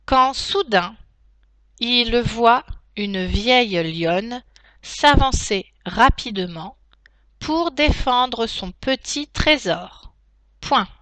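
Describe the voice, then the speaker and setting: A woman teacher dictating a text to pupils, phrase by phrase, in a deliberate, carefully articulated way with pauses. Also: a little high, sharp tone, no room sound. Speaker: primary school teacher.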